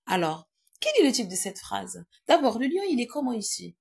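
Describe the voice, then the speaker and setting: A woman's voice: fairly high pitch, sing-song, normal speed, vocal fry, darkish tone, slightly rough. A woman teaching a grammar lesson in a classroom, quizzing her pupils and repeating their answers.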